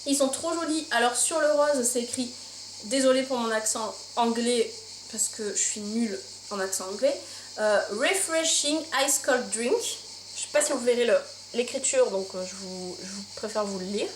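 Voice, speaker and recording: A vlogger with a slightly high voice and a moderate pace casually presents her shopping haul, gushing and using many fillers. She's at home with open windows, so the roomy recording carries faint sounds of insects outside.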